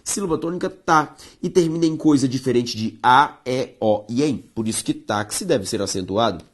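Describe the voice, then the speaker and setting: A woman with a Brazilian Portuguese accent teaching a grammar lesson, stressing key words slowly and speaking straight to her viewers. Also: a bass voice. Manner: emphatic, drawn-out stressed words, addresses viewers directly.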